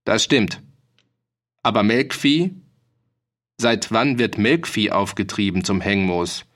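A man's voice: fairly low pitch, slow pace, fairly bright tone. A man voicing a stern, dignified older magistrate who questions people formally.

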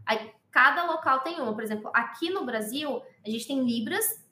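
A woman with a high voice explains things in a relaxed, casual conversation. She talks in a very expressive, animated way. Her voice rings in an echoey room. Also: normal speed.

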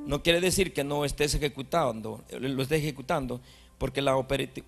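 A man preaching a sermon as a pastor, moving from quiet storytelling to animated shouting with his congregation. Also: mid-range voice, vocal fry.

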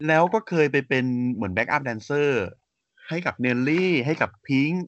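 This co-host of a casual podcast speaks slowly, his mid-range, fairly bright voice lively in intonation and free of room sound, though the recording is slightly dull and muffled. He reads out facts at a steady rate, using many hesitant fillers and polite endings.

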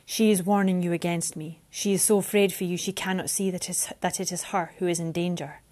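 A woman's voice: lowish voice, fairly even intonation, brisk, a little mellow, natural voice. A woman reading a storybook aloud and voicing a stern, possessive winged man who speaks in a commanding, clipped way.

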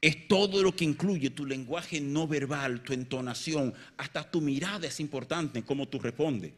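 A male preacher with a slightly raised pitch delivers a lively sermon. He climbs to loud, emphatic heights, then sinks into hushed low passages. He bantes with the listeners and teases them with humor. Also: moderate pace. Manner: animated, swings from loud emphatic highs to quiet low tones; jokes and banters with the congregation.

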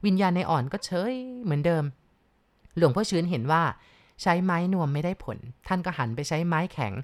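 A woman narrates a ghost story with dramatic, polite delivery. Her voice sits a little low for a woman, and she keeps a steady storytelling rhythm. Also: fairly quick.

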